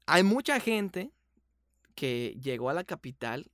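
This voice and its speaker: A man's voice: fairly high pitch, big pitch swings, takes it slowly, fairly bright tone, no room sound. Earnest Sonoran man, dry close sound. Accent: Sonoran Mexican Spanish. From Sonora, Mexico. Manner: earnest, grateful, explains at length. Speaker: voice actor and production manager, guest. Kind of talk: casual podcast interview.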